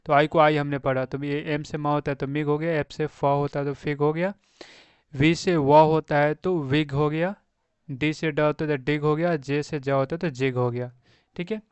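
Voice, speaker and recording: A man's voice: on the high side, steady tone, normal speed, clear, resonant tone, no echo. A young man with a Hindi accent teaching English reading, spelling words out letter by letter and repeating them for beginners. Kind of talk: slow spelling-out lesson.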